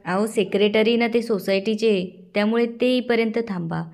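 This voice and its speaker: A woman's voice: a little high, moderate pace, darkish tone, close to an everyday voice. Woman doing an exasperated male neighbor. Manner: exasperated and grumbling.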